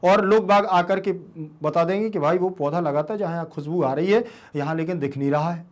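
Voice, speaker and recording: A man teaching Sanskrit grammar. He keeps asking his students questions and draws out the Sanskrit terms slowly. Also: a little high. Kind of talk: board lesson explanation.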